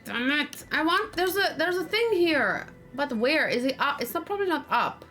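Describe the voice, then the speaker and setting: This let's play streamer sounds high-pitched, very animated, bright and forceful, talking at a moderate pace. She chats casually while gaming, musing in short fragments, with keyboard typing and faint noise audible behind her.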